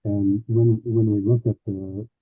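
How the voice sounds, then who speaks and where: A man speaking at a public meeting, sounding muffled as though through a wall, with paperwork covering his computer microphone and a halting way of repeating words. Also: on the low side, little pitch movement, breathy edge, dry recording, faint music behind. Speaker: transit director.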